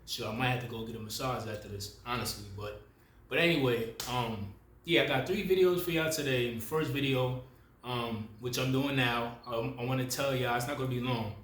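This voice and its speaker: A man's voice: mid-range voice, a little fast, fairly bright tone, echoey room, slight background noise. A man, talking casually and rambling to the camera as a spiritual video creator. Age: 30s. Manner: loose, rambling, self-correcting, slangy and familiar.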